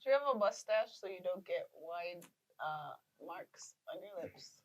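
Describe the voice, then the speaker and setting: A woman's voice: on the low side, expressive. A woman co-hosting a casual podcast, teasing and laughing often. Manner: teasing, quick laughs, short interjections. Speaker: podcast co-host. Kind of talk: casual chat.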